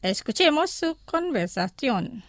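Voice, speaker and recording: A woman hosting a language lesson, saying each vocabulary word twice slowly and clearly so listeners can repeat it. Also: sits high, sing-song, a bit bright, no room sound. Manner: slow, deliberate, says each word twice. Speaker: language teacher and host.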